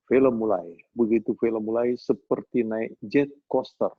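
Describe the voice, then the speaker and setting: A middle-aged man preaching at a Bible study in a husky, breathy voice. He tells homely stories in a folksy, animated way. The sound is dry and thin like a phone line. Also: fairly low pitch, measured pace, no room sound. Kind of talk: sermon with storytelling.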